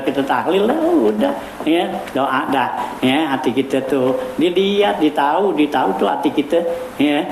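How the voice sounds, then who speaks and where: A cleric leads a weekly religious study circle in a prayer hall, lecturing informally with many repetitive fillers and chuckles. His voice is fairly high and gravelly, and the echoey hall adds background noise.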